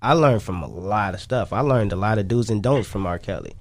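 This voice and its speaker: A man from Chicago, a music artist and songwriter, speaks as a radio interview guest with a fairly low voice at a fairly quick clip. He's casual, rambling and repeating himself with slang tags, and there's no echo.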